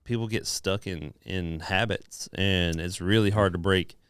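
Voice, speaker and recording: A middle-aged man co-hosting a podcast in casual chat, relaxed and quick to chuckle. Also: low-pitched, smooth, dry recording, studio quality. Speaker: podcast co-host.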